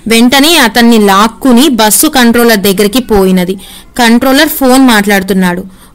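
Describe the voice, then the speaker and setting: A woman narrating a devotional folk story in a steady, read-aloud manner. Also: a little high, normal speed.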